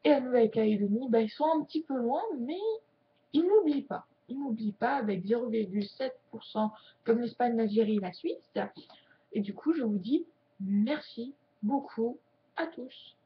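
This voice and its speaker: A woman chatting casually to camera as a sign language YouTuber, joking and slowing her words as she signs. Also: a little high. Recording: dull lo-fi sound.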